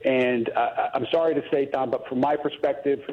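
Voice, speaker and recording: A middle-aged man calling a radio show, his voice muffled by the phone line. He speaks earnestly and haltingly, often starting sentences over. His voice has an ordinary mid pitch. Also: steady tone. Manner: earnest, halting, many restarts. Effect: heard over a phone line.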